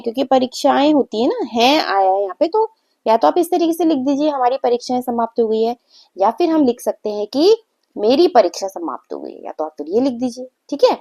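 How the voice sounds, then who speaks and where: A young woman teaching a grammar lesson to children, patient, repeating words slowly and often checking in with the class. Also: high-pitched, gravelly, dark tone. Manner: frequent "theek hai" check-ins.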